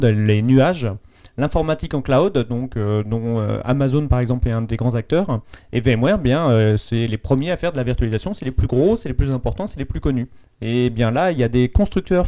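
A man's voice: medium pitch, mellow. A man co-hosting a podcast, explaining tech topics casually with fillers and the odd joke. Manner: filler-heavy, jokey explainer. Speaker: podcast co-host.

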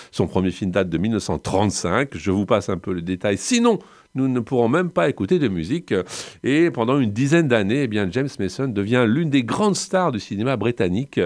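A man's voice: medium pitch, a little mellow, no echo. A man hosting a film music radio show in French, chatty and self-mocking, with scripted presentation broken by asides. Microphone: studio microphone.

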